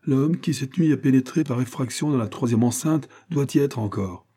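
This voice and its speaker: A man's voice: mid-range voice, moderate pace, mellow, slightly rough, pitched above the performer's own voice. A man voicing an agitated engineer in an audiobook, speaking in a guttural, heated way. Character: agitated male engineer, gruff and furious.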